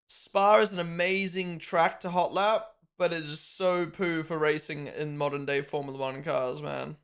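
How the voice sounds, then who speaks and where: A young man from Australia and New Zealand gives casual live commentary on a stream. His voice is bright and forceful with a gravelly edge, and it sits a little high. He is chatty and opinionated and often speaks straight to his viewers. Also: fairly even intonation, moderate pace. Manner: chatty, opinionated, talks to chat. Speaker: streamer hosting a race watchalong.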